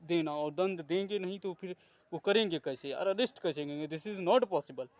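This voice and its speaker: A man's voice: sits high, moderate pace, a little mellow, dry recording, close to an everyday voice. Man mimicking a smug half-educated type, offhand and dismissive.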